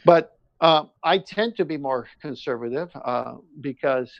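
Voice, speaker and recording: A man born in Iran, who moved to the United States at seven, talks casually and at length, offering personal testimony and opinion. His fairly high voice has vocal fry and a measured pace, and he is earnest and emphatic, often repeating phrases. The recording is dry and lo-fi.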